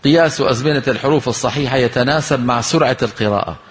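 A man's voice: medium pitch, fast. A man teaching a tajweed lesson, explaining rules, quizzing his class and chanting short examples. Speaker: Quran recitation teacher. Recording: long hall reverb.

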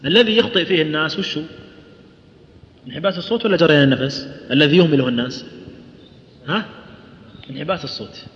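A man's voice: on the high side, fast, long pauses, fairly bright tone. Male recitation teacher, patient and questioning, dull lo-fi sound in a long-reverb hall. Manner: explains patiently, models recitation, asks students questions. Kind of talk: tajweed lesson to students. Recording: roomy lo-fi hall recording.

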